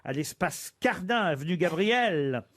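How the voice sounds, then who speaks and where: Man, radio quiz host, fairly high voice, playful teasing delivery. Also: expressive, measured pace, fairly bright tone. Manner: playful, teasing, reads out sponsor promotions. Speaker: radio game show host. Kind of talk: hosting a radio quiz with a comic panel.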